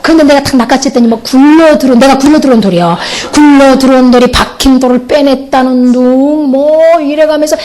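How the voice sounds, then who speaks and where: A middle-aged pastor's wife giving a lively testimony sermon, laughing often and mimicking other people's voices. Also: female voice, high voice, a little fast, hardly any pauses.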